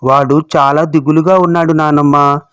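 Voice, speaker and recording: A man's voice: on the high side, level tone, normal speed, fairly bright tone, clear, resonant tone, dry recording, lightly acted. A man voicing a young schoolboy grandson who talks in a sobbing, pleading way. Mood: tearful. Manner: sobbing, pleading child talk.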